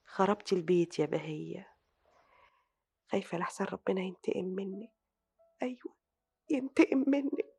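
An actress with an Egyptian accent playing a meddling, sharp-tongued older sister in a radio drama, theatrical and insistent. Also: female voice, high-pitched, sing-song, fast talker. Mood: self-reproach. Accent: Egyptian Arabic. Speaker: sister of the household.

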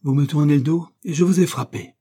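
A man's voice: mid-range voice, normal speed, warm tone, slightly rough, close to an everyday voice. A man voicing a proud, righteous nobleman and sea captain who speaks with stern, declamatory force. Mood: indignant.

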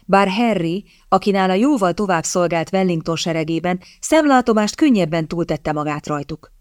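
A steady audiobook narrator telling a period romance in measured, even phrasing. The voice sits at a middle pitch. The recording is dry and close, with no room sound. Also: no room sound.

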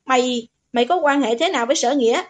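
A woman's voice: high voice, fast. A woman voicing a frightened older man who stammers and curses in an audiobook. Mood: stammering fear.

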